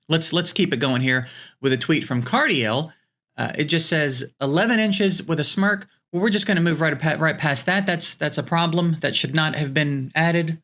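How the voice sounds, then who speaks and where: A man's voice: a little high, sharp tone. A man hosting a comedy show, reading fake tweets aloud in a bemused way with stammering restarts.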